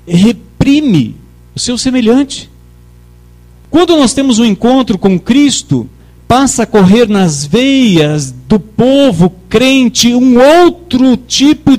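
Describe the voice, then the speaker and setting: High-voiced, unhurried male preacher. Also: a little mellow. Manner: emphatic, leads the congregation in call-and-response. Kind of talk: sermon.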